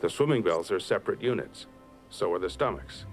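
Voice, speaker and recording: A man's voice: low-pitched, expressive, a little fast. A man with an American accent, an oceanographer narrating a nature documentary from a script. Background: music.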